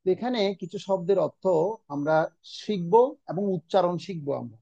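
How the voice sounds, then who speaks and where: A middle-aged man teaching a religious course over a video call, drilling pronunciation by repeating words slowly and quizzing students. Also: sits high, warm tone, no echo. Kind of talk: online class teaching Sanskrit pronunciation. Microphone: online video call.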